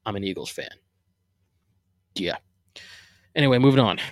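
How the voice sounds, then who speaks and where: A man with a fairly low voice hosts a casual solo podcast from his living room. He rambles along with plenty of ums and false starts. The sound is dry and close, with no room echo. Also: expressive, normal speed. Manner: rambling, many fillers and restarts. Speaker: podcast host.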